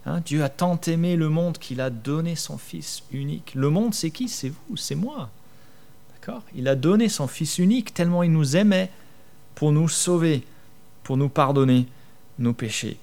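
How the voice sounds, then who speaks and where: A man's voice: a little high, moderate pace, vocal fry, darkish tone. A man preaching a sermon conversationally, asking his listeners questions and acting out his own worries. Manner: conversational, rhetorical questions, acts out worries in whispers. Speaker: pastor.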